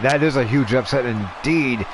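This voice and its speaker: A man's voice: mid-range voice, a crowd in the background, noisy background. Easygoing male wrestling co-commentator. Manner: easygoing, quick to laugh. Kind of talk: color commentary on a game stream.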